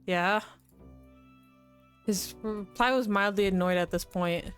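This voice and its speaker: A woman's voice: mid-range voice, slow, soft background music. A woman streamer reading a visual novel aloud with commentary, giggling often between lines.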